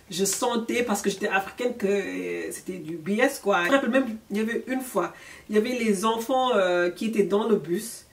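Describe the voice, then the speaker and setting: Filmed chest-up with a distant mic, a young woman from Senegal tells a story in her vlog with a medium-pitched voice. She is a native French speaker who laughs often, talks candidly, and mixes in English words.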